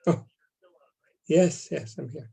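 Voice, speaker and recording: A man on a video call with a calm, mellow voice, measured and unhurried. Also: a little high, vocal fry, breathy edge. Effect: heard over a video call. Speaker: head of a theater company. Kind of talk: interview guest on a live video call.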